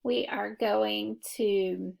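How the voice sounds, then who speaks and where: A woman teaching a phonics lesson, walking through syllable marking step by step in a deliberate classroom manner. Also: mid-range voice, fairly even intonation, creaky, darkish tone. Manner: slow, deliberate classroom instruction. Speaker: reading teacher.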